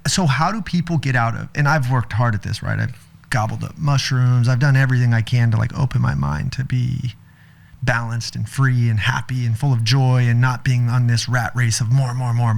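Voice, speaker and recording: A man hosting a podcast, chatting in a relaxed, friendly way and calling his guest "dude". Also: mid-range voice, creaky. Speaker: podcast host. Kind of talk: casual conversation.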